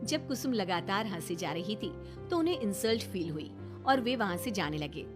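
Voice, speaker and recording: A woman narrating a cartoon story in an even storytelling manner. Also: mid-range voice, normal speed, over music.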